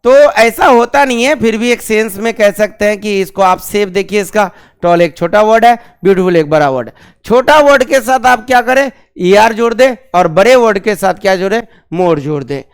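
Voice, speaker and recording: Man, grammar teacher, classroom lesson, high voice, smooth and resonant, asks questions and repeats key terms. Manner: drills slowly on key terms.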